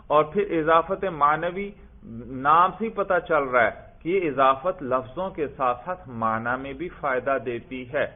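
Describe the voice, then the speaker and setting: A man teaching a classroom grammar lesson who asks questions and answers them himself, and recites text in a chanting tone. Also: fairly high pitch. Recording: tinny phone-like lecture recording.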